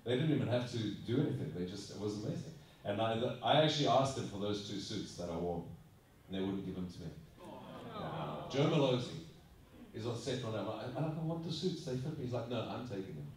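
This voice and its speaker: A man's voice: on the low side, lively intonation, brisk. A man from South Africa, chatting and laughing through stories on a convention panel with a handheld mic. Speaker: convention panel guest actor. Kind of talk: casual panel talk. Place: large carpeted convention room, indoors. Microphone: handheld mic, far camera. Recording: echoey room, distant mic.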